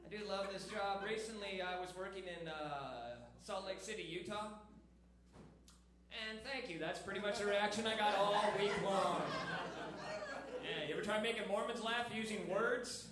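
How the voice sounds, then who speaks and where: A man's voice: sits high, moderate pace. Man in his thirties doing stand-up. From half Irish, half Filipino background. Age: 30s. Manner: conversational, punchy, addresses the crowd. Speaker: stand-up comedian. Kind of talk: stand-up comedy set. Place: comedy club stage. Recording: echoey noisy comedy club.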